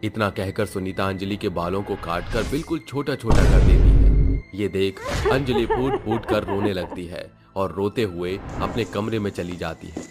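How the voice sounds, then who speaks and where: A man narrating a moral fairy tale in a steady, expressive storytelling manner. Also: deep voice, normal speed, loud music behind the voice.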